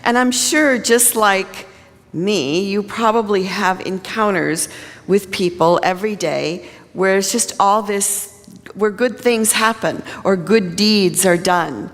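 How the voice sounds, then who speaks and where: Speaking slowly in a medium-pitched voice, a woman minister gives a sermon at the pulpit microphone. Her manner is plain-spoken and conversational. The church sanctuary's size leaves a long, hall-like reverb on the recording.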